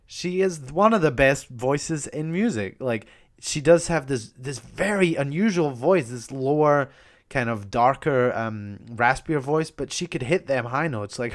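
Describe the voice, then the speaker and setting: A young man hosting a casual podcast monologue, talking enthusiastically, swearing freely, with frequent ums and restarts. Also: mid-range voice. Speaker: podcast host.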